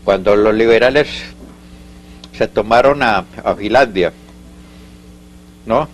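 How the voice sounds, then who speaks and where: A lowish male voice belongs to an older Paisa-accented Colombian recounting local stories in an oral history interview. His speech is rambling and halting, with restarts and side remarks. The audio quality is poor, with a little hiss or hum.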